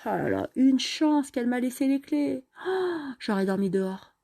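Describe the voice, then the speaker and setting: A woman voicing a young female student who is blunt and quick-tempered, with exasperated sighs. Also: medium pitch, dark tone, lightly acted. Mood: relieved. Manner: exasperated, sighing. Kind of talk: storytelling voice acting.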